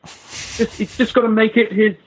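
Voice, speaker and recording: High, husky-voiced joking man. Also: flat delivery, normal speed. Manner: crude, joking, filler-heavy. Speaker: podcast co-host. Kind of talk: casual comedic chat. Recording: dull lo-fi recording.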